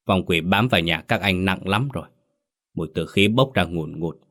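A man's voice: low voice, moderate pace, a bit bright. A man as a grave old exorcist. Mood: ominous. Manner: grave, ominous.

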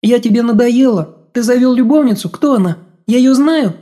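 A male narrator voicing a teasing, sharp-tongued young woman in an audiobook, firing off pointed, reproachful questions. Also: very high voice, animated, normal speed, pitched above the performer's own voice. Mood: prying. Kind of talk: audiobook character voice.

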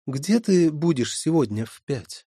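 A man's voice: fairly high pitch, expressive, mellow, breathy edge, no room sound, clean studio sound, voice pushed up, exaggerated voice. A man reading an audiobook, voicing a teasing, carefree young hippie woman in a raised voice. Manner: teasing, quick and flippant.

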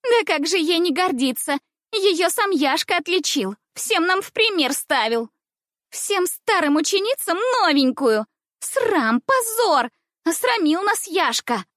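A high, shrill young schoolgirl who mocks and teases loudly, full of reckless mischief, as a woman reads her. The voice jumps far above the reader's usual tone and comes through close and dry. This is storybook narration, not a live scene. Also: animated, moderate pace, no room sound. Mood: indignant. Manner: shrill, taunting. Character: mischievous daring young schoolgirl, loud and mocking.

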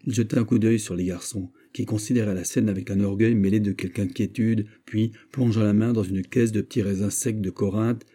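A man narrating a classic novel as an audiobook in a calm, measured way. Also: lowish voice.

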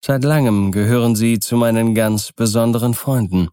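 A man voicing a mysterious, polite male visitor who seems not of this world, speaking in a courteous, quietly stern way. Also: medium pitch, moderate pace, clean tone, no echo, clean studio sound, close to an everyday voice. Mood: calm courteous.

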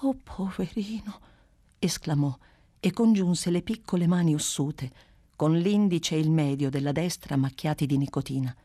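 Woman narrator for literary audiobook, husky and mellow, measured, expressive delivery. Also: sits low. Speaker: audiobook reader.

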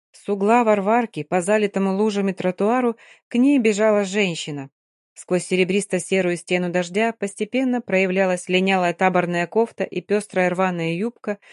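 A woman narrating a novel in a measured, steady reading voice. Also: mid-range voice, dry recording, clean studio sound. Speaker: audiobook narrator.

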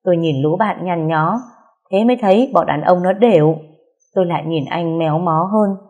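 A woman's voice: lowish voice, moderate pace, mellow. A woman narrating a first-person story and voicing every character's dialogue herself, with emotional storytelling.

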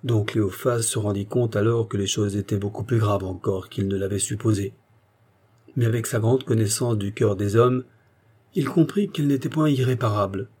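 A man reads a short story aloud as an audiobook narrator, calm and measured. His voice is low, dark and slightly husky.

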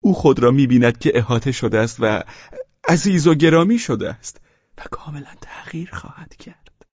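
A man voicing a fawning, anxious middle-aged man who has been drinking, pleading and stammering in a high-strung way. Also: animated, a little mellow, breathy edge, no echo. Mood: effusive. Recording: dull lo-fi recording.

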